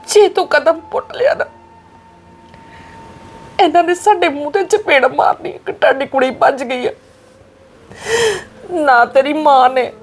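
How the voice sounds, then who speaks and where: A woman's voice: a little high, slight background noise, close to an everyday voice. A woman with a Punjabi accent playing a worried mother who pleads earnestly with her married daughter. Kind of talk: family drama acting.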